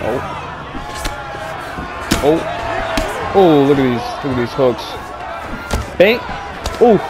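A young man casually commentating his own video game fight, excitable and loud in his reactions. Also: medium pitch, slow. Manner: excitable, shouting reactions and laughter. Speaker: gaming video host. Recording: game music and crowd underneath. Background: game music and arena crowd.

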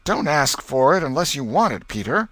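A man's voice: fairly high pitch, sing-song, moderate pace, a bit bright, dry recording, pitched above the performer's own voice. A man voicing a mischievous young boy in a storybook, with a rustic American accent and playful mock innocence. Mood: mock solemn. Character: mischievous, cheeky young boy with folksy speech.

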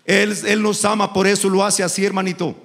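A middle-aged man preaching a passionate sermon, calling his listeners "brother" again and again and rising into sung, shouted phrases. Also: sits high, little pitch movement, a little fast. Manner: impassioned, repeats "hermano" often; rises into sung, shouted cadences. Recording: echoey hall reverb.

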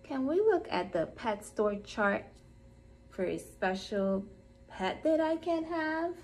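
Small cheerful gingerbread boy, sweet and eager, high and bouncy, as a woman puts him on. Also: big pitch swings, slow pace, a little mellow, slight background noise, full character voice.

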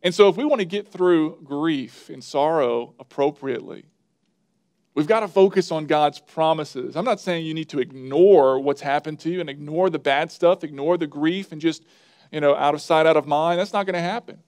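A male pastor delivers a sermon in a plain, earnest, conversational manner, his voice a bit higher than most men's and a little mellow. At a moderate pace, he leans into key phrases with rising emphasis.

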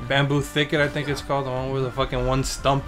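A man's voice: mid-range voice, completely flat delivery, fast, over music. A man casually recapping a video game while playing, rambling and joking with lots of swearing, and saying he is tired. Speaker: gameplay commentator. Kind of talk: casual let's-play recap.

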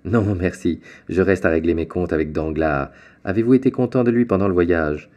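A man voicing an earnest, respectful young sailor in an audiobook, speaking a little higher than his own narration. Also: normal speed, lo-fi sound, natural voice.

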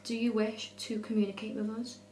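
A woman's voice: level tone, a little fast, dark tone, roomy sound. A woman in her twenties solemnly calling out questions as she leads a séance for a vlog. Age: 20s. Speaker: leader of a spirit board session. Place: dim indoor room at night. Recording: low hum, faint noise.

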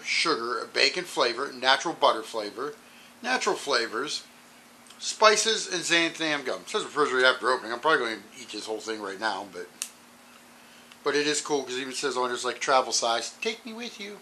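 A man with clogged sinuses casually reviewing a hot sauce on his channel, rambling with ums and clearing his throat often. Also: medium pitch, sharp tone, a little hiss or hum, low-quality recording.

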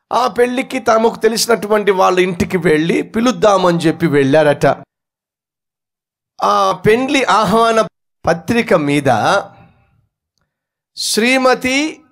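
A man's voice: sits high, gravelly. A male pastor preaching a storytelling sermon, acting out the characters in his story.

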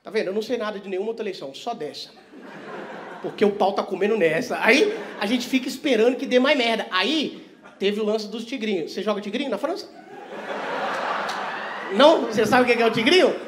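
Stand-up comedian, crowd work, profane and teasing, lively swings from hushed asides to loud bursts. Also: male voice, sits high, fairly quick, long pauses, slight background noise. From Vitória, Brazil. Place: comedy stage before a live audience.

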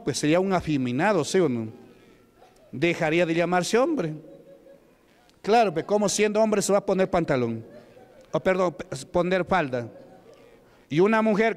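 A man from Peru preaching as a deacon, commanding and rebuking at a deliverance service in a church. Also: high-pitched. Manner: commanding, repetitive shouted rebukes. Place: church sanctuary. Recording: echoey church hall.

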